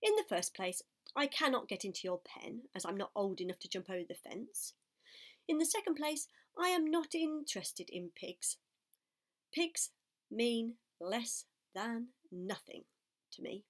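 A woman's voice: on the high side, very animated, unhurried. A snobbish young lamb, as a woman reader puts her on who talks down in a prim, dismissive voice. She is a proud little storybook animal. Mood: snooty.

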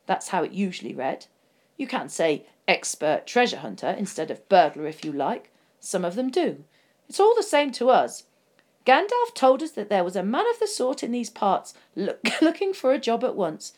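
A woman voicing a blunt, proud male dwarf in a storybook reading, speaking loudly and insistently. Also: mid-range voice.

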